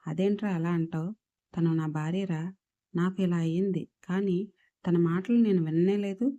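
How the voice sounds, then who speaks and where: A woman's voice: lowish voice, steady tone, normal speed, mellow, lo-fi sound, lightly acted. A woman voicing a blinded young husband who speaks in a shaken, insistent way.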